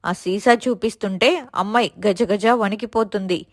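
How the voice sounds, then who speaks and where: A woman's voice: mid-range voice, normal speed, dry recording, studio quality, natural voice. A woman voicing an older village neighbor who hurries to pass on news. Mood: urgent.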